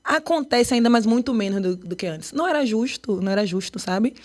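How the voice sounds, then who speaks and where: A woman from Bahia with a Bahian Portuguese accent, a dance choreographer and artistic director speaking in a podcast interview with animated emphasis. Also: fairly high pitch, fairly quick. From Brazil, Bahia. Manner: animated, emphatic, lively storytelling.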